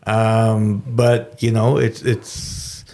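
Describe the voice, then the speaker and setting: Man, fairly low voice, reflective, lots of fillers, mixes in Spanish. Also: flat delivery, drawn-out words, a little mellow. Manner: thoughtful, filler-heavy, drops into Spanish. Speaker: guest. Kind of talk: reflective conversation.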